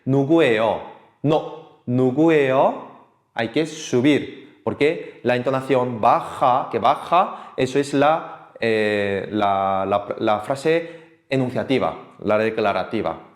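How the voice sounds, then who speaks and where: A lively Korean language teacher with a mid-range voice leads an online lesson, patiently repeating words so the class can echo them. The room sounds echoey, with faint noise.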